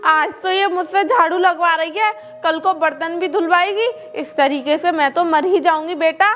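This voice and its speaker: A man's voice: steady tone, moderate pace, a bit bright. A performer voicing a scheming old mother-in-law who nags shrilly and fakes tears, in a homemade family drama. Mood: accusing. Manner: shrill, nagging, fake crying. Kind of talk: amateur Hindi family drama.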